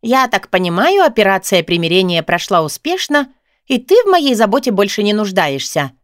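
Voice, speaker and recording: A woman's voice: mid-range voice, very animated, normal speed, no room sound, close to an everyday voice. A woman doing a sarcastic student roommate. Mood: dry mocking. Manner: dry, mocking.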